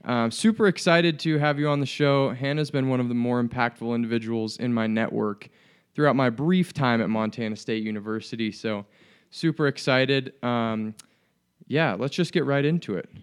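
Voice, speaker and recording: A young man hosts an interview in an upbeat, casual way. His voice is smooth and clear, at a middle pitch. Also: moderate pace. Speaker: host.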